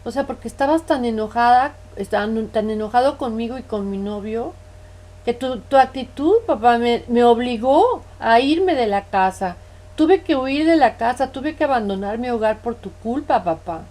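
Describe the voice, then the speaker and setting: Woman playing a hurt middle-aged daughter confronting her parents; pleading, reproachful, voice sits a bit high. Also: animated, normal speed, a little mellow, lightly acted. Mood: bitter. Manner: pleading, reproachful, repeats "mamá".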